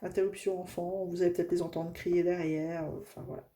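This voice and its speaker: A woman's voice: lowish voice, little pitch movement, a little fast, warm tone. A woman with a Northern French accent chatting casually at home while doing a craft project, with many fillers and restarts. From northern France. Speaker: craft vlogger.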